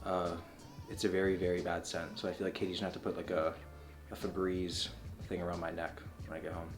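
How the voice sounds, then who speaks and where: A man's voice: low voice, little pitch movement, fast talker, faint music behind. A young man chatting casually and jokingly in a fitness vlog, explaining diet tips. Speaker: fitness vlogger.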